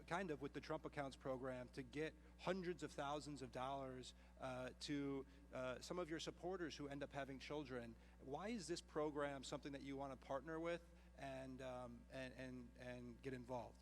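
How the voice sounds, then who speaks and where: A man with an average-pitched voice leads an on-stage interview, smooth and easy, tossing in jokey asides. A faint hum sits under his voice. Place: large room with an audience.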